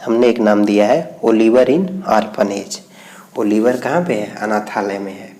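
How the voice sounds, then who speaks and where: A male teacher explaining an English reading exercise, reading the English lines out slowly and then explaining each one. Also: lowish voice, a little mellow.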